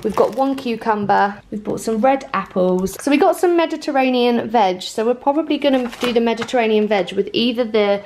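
A woman's voice: a little high, brisk, few pauses, a little mellow, a little hiss or hum. A young woman from England chatting casually in a vlog about her grocery haul, upbeat and full of fillers. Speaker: vlogger showing a grocery haul. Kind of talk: casual chat.

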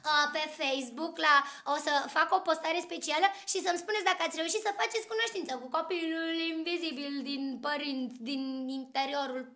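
A woman voicing a curious, excitable little girl who hosts a children's podcast, asking eager questions. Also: high voice, hardly any pauses. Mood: excited. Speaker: podcast host.

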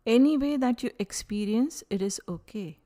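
In a slightly high voice, a woman talks listeners through a guided yoga nidra practice. She keeps her tone soothing and calm, offering short phrases with lengthy pauses.

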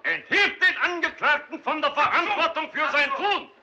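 An insistent defense lawyer. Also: male voice, extremely high pitch, expressive, normal speed, heavy background noise. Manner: formal, argumentative, raising his voice over heckling. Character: insistent male defense lawyer arguing before a hostile mob. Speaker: defense counsel. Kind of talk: 1930s film drama acting.

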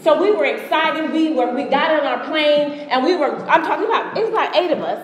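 A woman's voice: high-pitched, lively intonation, fairly quick, a crowd in the background. A woman from the United States giving a motivational speech at a conference, telling a story and speaking straight to the audience. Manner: storytelling, addresses the audience directly. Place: large conference hall. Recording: echoey hall with long reverb.

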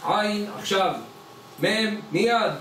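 A man's voice: sits high, fairly bright tone. Male rabbi, storytelling lesson, acts out characters' lines, raised voice, distant mic, faint hum. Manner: acts out dialogue in his stories with changing voices. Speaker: rabbi giving a weekly Torah lesson. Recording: echoey room, mic at a distance, faint background noise.

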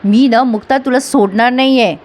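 Woman reading as a bitter scheming woman, defensive and blaming, slightly high voice. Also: moderate pace, a little mellow, lightly acted. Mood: resentful. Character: bitter scheming woman, resentful and quick to blame.

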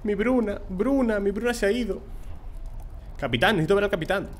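A man voicing a frantic parent desperately searching for a lost daughter, in a high, pleading voice. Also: lively intonation, a little fast.

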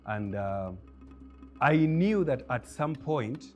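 In a bright studio set furnished with armchairs, a Ugandan-accented film producer in his thirties sits as an interview guest, telling stories with animation and laughter while acting out the voices he quotes. His voice is mid-range and his pace slow, with faint music in the background.

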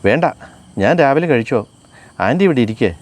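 A man reading aloud and voicing a caring young woman who asks anxious, gentle questions. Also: medium pitch, expressive, fairly quick, close to an everyday voice. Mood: concerned.

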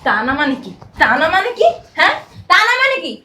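A woman's voice: extremely high pitch, sing-song, brisk, sharp tone, slight background noise, heavily acted. A middle-aged woman playing a haughty rich mother who scolds with mocking questions. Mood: scornful. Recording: echoey room.

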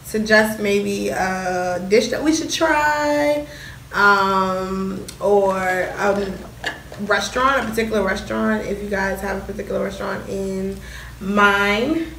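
A woman's voice: medium pitch, fairly even intonation, slow pace, a bit bright. A woman co-hosting a casual food vlog, chatting loosely and colloquially. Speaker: YouTube vlog co-host. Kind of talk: casual chat. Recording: echoey room, faint background noise.

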